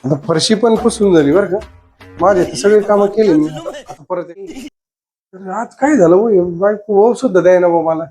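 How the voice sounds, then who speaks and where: Brief: exasperated husband, high-pitched, pleading, music faint behind. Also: male voice, normal speed, mellow. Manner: pleading, exasperated, talks to himself. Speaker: husband in comedy sketch. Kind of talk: scripted comedy sketch acting.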